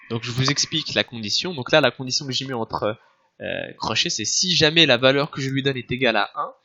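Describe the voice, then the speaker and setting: A man teaching a screen-recorded software tutorial, explaining step by step with frequent restarts and filler sounds. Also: medium pitch, muffled recording. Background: soft background music.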